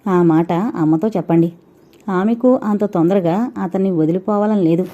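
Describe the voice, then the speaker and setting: A woman voicing a gentle, soft-spoken young wife caught between mother and husband, on a dull lo-fi recording. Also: on the low side, normal speed, natural voice.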